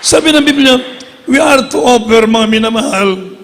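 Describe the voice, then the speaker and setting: A woman's voice: on the high side, expressive, moderate pace, slight background noise. A middle-aged woman preaching a fervent sermon in a church, calling again and again for amens and applause and mixing English scripture lines into her words. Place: church hall. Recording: long echo of a church hall.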